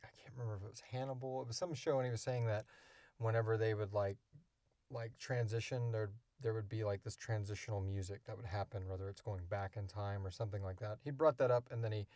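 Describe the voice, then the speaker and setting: In an unscripted, casual Q&A, this male co-host and co-creator of a podcast rambles informally while explaining things. He has a voice on the low side with a darkish tone, and there's no room sound.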